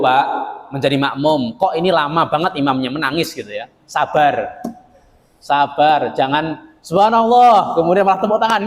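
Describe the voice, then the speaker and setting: A man preaching a sermon to a local congregation, folksy and joking, speaking straight to the audience. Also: on the high side. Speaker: Islamic preacher. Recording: long hall reverb.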